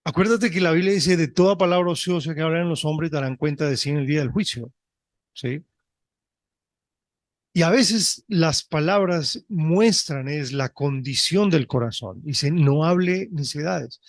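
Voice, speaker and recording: Brief: male pastor, unhurried teaching sermon, slightly high voice, close dry mic. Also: no room sound. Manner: teaching, often checks with "¿sí?"; reads scripture slowly and deliberately.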